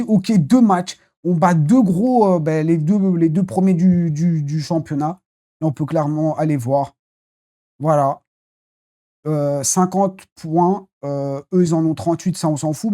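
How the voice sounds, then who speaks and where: A football channel host giving a casual, rambling live debrief after a match, blunt and quick to swear. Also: mid-range voice, mellow.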